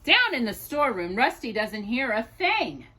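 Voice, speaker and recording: A fairly high-pitched woman serves as a storytime host, reading a picture book aloud for a young child with deliberate, expressive delivery.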